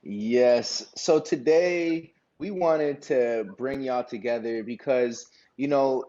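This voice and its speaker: A man's voice: medium pitch, warm tone, highs cut off. A man hosting a casual interview show, upbeat and slangy, talking straight to his audience. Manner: hyped, slangy, addresses audience as y'all. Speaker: podcast host.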